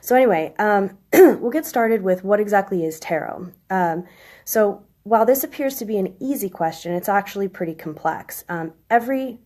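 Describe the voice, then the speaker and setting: A woman in her thirties with a chest cold, hoarse with a smoker's rasp, giving a halting, informal explanation on a live stream. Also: mid-range voice, animated, dark tone. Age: 30s. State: chest cold, coughing and clearing throat. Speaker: live stream host, tarot reader. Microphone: phone.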